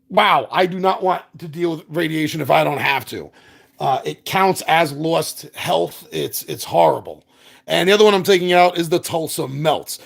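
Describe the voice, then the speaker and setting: A man with a fairly high, gravelly voice hosts a board game video from an apartment, chatting casually to a live audience. He rambles with lots of fillers, is self-deprecating, and sounds a little out of breath.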